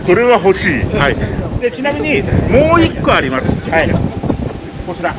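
A man's voice: high-pitched, big pitch swings, moderate pace, very noisy. A man hosting a casual vlog outdoors on a city street, speaking through a face mask and cracking crude jokes. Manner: joking, with crude gags. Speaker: vlog host.

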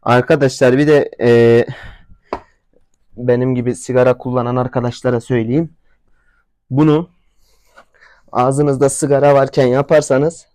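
A man recording a casual vlog outdoors at a horse stable, explaining horse care in a slow, steady way. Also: medium pitch, no room sound. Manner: slow, coaxing and calling out to a horse, scolding it. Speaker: horse owner vlogger.

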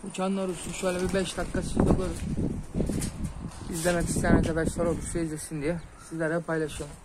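A man with a slightly high voice talks fast and flat. As a pigeon keeper recording on his rooftop with a phone, he gives his viewers sincere, casual advice and makes soft hissing sounds to draw the pigeons.

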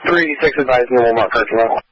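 A man of medium pitch speaks in short procedural messages on police radio. Clear noise runs through the transmission. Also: very fast, dull audio. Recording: noisy police radio channel.

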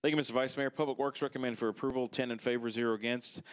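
A councilman giving a formal committee report in a quick, matter-of-fact way on a handheld mic in a council chamber. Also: mid-range voice, fairly even intonation, clear, resonant tone, no room sound.

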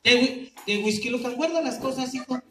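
Mexican clown guy, high voice, loud and joking, echoey noisy street recording. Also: normal speed, recorded from a distance. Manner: loud, teasing, calling out to the audience. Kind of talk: outdoor clown comedy show with crowd. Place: outdoor public square.

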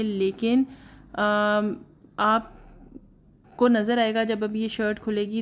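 Chatting casually in a mid-range voice, a female shopping vlogger talks viewers through her video. Her speech drifts into English expressions now and then and is dotted with filler sounds.

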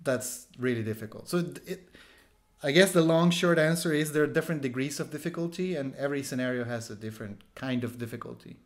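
Speaking quickly in a mid-range voice, this street photographer guest rambles through stories in a relaxed interview, full of "like" fillers, restarts and animated gestures. He's a Chilean man in his thirties, a native Spanish speaker using English with a Chilean accent, on a headset over a video call from a small indoor room at home.

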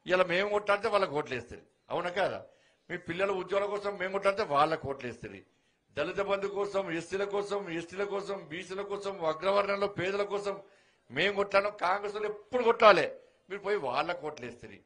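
A man with a Telangana Telugu accent, speaking outdoors in the sun at a village rally, who teases the crowd and leads shouted slogans. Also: high-pitched, animated, fast talker. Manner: teasing banter with the crowd, rising to shouted slogans. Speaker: politician addressing a rally. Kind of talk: outdoor political rally speech.

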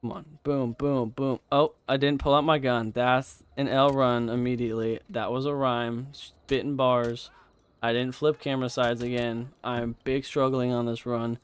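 A man's voice: medium pitch, flat delivery, normal speed, clear, resonant tone. A young man live-streaming a game, chatting casually with viewers, swearing and laughing as he plays. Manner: swears and laughs often, reacts loudly to gameplay.

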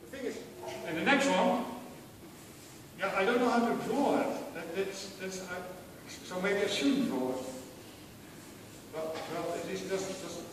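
A middle-aged man with a Dutch accent teaches a university class, throwing rhetorical questions at his students and often stopping to restart his phrases. His voice sits high for a man. It reaches the mic from across a large lecture hall, with long reverb. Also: unhurried, background noise. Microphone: far camera. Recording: echoey hall recorded from far off.

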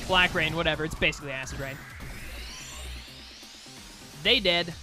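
A man's voice: fairly high pitch, moderate pace, music in the background. A man giving casual, offhand let's-play commentary on a video game, chatting as he plays. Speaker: gaming video host.

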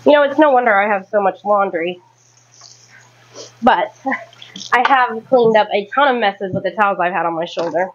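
Cooking in her home kitchen, a thirtysomething woman who vlogs about home cooking keeps up a casual, rambling chat and corrects herself now and then. She speaks at medium pitch and a moderate pace with long pauses. The audio sounds dull.

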